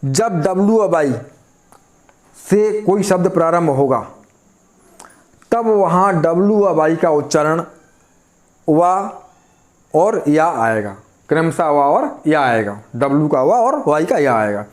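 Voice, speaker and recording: High-voiced man teaching grammar. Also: lively intonation, measured pace. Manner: repeats questions to the class and answers them. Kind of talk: grammar lesson.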